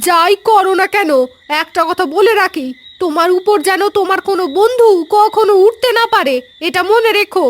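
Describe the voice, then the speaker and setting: A woman's voice: extremely high pitch, moderate pace. A woman voicing a nagging, curious village wife in a cartoon, questioning and scolding.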